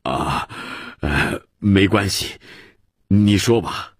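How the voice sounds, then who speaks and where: A man's voice: deep voice, expressive, drawn-out words, dry recording, full character voice. A man voicing a self-pitying drunken father who hesitates and begs his son not to despise him. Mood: hesitant. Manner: mumbling, pleading and hesitant.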